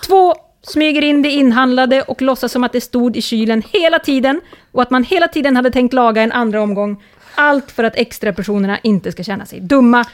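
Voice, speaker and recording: Woman, podcast host, fairly high voice, sarcastic, swears, casual chat. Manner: sarcastic, swears freely, laughs often. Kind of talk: casual podcast chat, reading listener messages.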